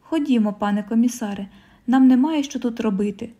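A woman's voice: on the high side, a little fast, dark tone, highs cut off, natural voice. A woman voicing a mocking, hot-tempered young husband who speaks in a sneering, scornful way.

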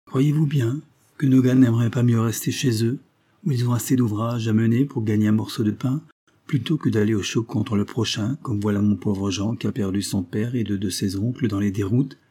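A man's voice: on the low side, fairly even intonation, normal speed, dark tone, slightly rough. A man reading the part of an older, kind peasant mother who talks in plain, earnest country speech.

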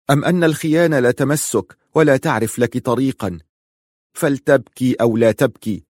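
A man reading an audiobook, slow, grave and mournful. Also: mid-range voice, darkish tone, no echo, studio quality. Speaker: narrator.

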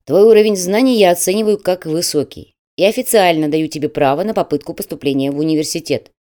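A woman voicing a stern middle-aged male admissions manager who talks in a brisk, official and mocking way. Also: lowish voice, warm tone, lightly acted.

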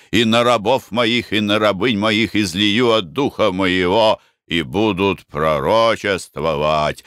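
A man's voice: fairly low pitch, bright, forceful tone, clean tone, dry recording, clean studio sound. A man reading the part of a sect leader who solemnly proclaims scripture to kneeling followers. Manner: solemn, slow declaiming.

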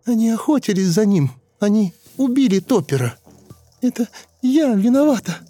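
A woman's voice: a little high, very animated, normal speed, warm tone, no room sound, faint music behind. A woman voicing a hypnotized woman who speaks as a ten-year-old girl, sobbing and pleading. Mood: childlike, sad. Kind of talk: audiobook character voice.

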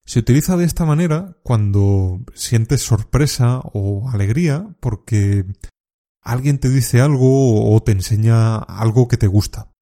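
A man gives a scripted lesson, explaining everyday expressions calmly and clearly. His voice is deeply dark and mellow, sitting at a medium pitch. He speaks at an even, measured teaching pace. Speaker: Spanish teacher.

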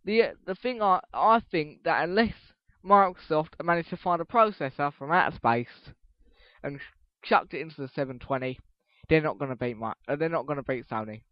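A teenage boy with a slightly high voice runs his solo podcast, rambling loosely, cursing offhandedly and breaking off mid-sentence. The recording is dry and dull, like a cheap home mic. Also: moderate pace, no room sound. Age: teens. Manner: rambling, swears casually, restarts sentences. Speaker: podcast host.

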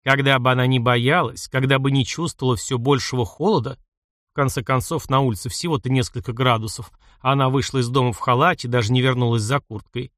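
A man narrating an audiobook in a measured, expressive reading voice. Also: mid-range voice, no echo, studio quality.

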